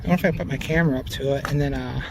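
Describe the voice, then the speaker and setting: A man's voice: medium pitch, steady tone, racing, gravelly. A man casually narrating a bike tour outdoors, chatty and rambling. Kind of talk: casual on-the-go commentary. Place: outdoors on a windy riverside bike route. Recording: loud wind and outdoor noise.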